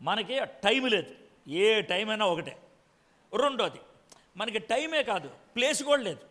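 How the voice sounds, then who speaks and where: A man's voice: sits high, sing-song, unhurried, bright, forceful tone, in a large hall. A man preaching a sermon, quizzing his congregation with frequent direct questions.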